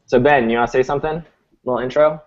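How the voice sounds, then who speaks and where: A man's voice: mid-range voice, steady tone, fast talker. A man hosting a live coding stream on a video call, talking casually and thinking aloud with restarts. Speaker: host. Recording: muffled lo-fi audio.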